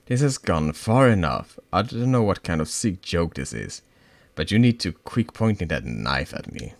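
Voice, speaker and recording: A man's voice: low-pitched, big pitch swings, measured pace, no echo, heavily acted. A man voicing a frightened, hurt teenage schoolgirl who stammers and pleads. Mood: distressed. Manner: pleading, stammering, rising to shouts.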